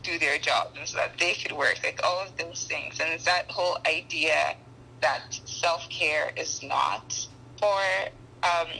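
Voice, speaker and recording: Thoughtful young woman, bright voice. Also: deep voice, fairly even intonation, measured pace, creaky, slight background noise, rough recording. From Ghana. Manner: thoughtful, frequent ums and restarts. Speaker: podcast guest. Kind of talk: conversational interview.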